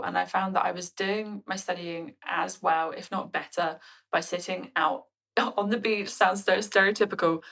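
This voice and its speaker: A woman hosting an interview podcast over a video call, chatty and quick to agree with her guest. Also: fairly low pitch, gravelly, fairly bright tone. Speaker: podcast host. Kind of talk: casual interview chat.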